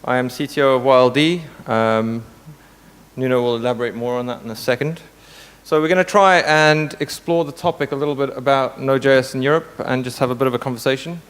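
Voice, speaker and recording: A tech company CTO moderates a conference panel in a casual, joking, informal manner. His medium-pitched voice is clean and fairly quick. The indoor hall's sound system adds reverb.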